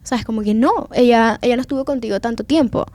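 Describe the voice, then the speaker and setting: A young woman with a Venezuelan Spanish accent tells her story of faith in an earnest, confiding tone. Her voice sits a little high but sounds dark and mellow, and the recording is close and dry with no room sound. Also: fast talker, no echo. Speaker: guest giving testimony. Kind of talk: personal faith testimony.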